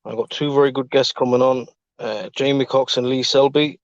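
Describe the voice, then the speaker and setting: A man's voice: medium pitch, steady tone, a little fast, no echo, dull audio. A man, hosting a podcast in a casual, chatty style. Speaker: podcast host. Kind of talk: casual chat.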